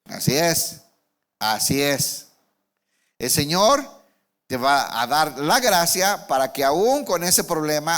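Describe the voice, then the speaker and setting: A man's voice: fairly high pitch, a bit bright. A male pastor preaching a sermon in church, with emphatic, repetitive phrasing and rhetorical questions to the congregation.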